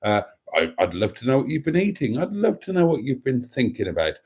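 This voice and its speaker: A man's voice: mid-range voice, very animated, a little fast, a little mellow, slightly rough. A British man hosting a casual livestream chat, effusive and camp, rambling theatrically to his listeners with playful endearments. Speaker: live show host.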